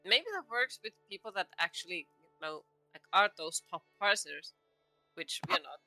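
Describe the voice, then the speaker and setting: Female host, bright and crisp, teasing casual delivery, faint music bed. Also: lowish voice, lively intonation, moderate pace, dry recording, rough recording. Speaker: podcast host. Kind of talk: casual chat.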